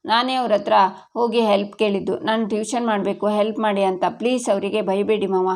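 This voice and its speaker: A woman's voice: mid-range voice, fairly even intonation, fairly quick, a little mellow, close to an everyday voice. Woman reads earnest young daughter-in-law, pleading, storybook recap.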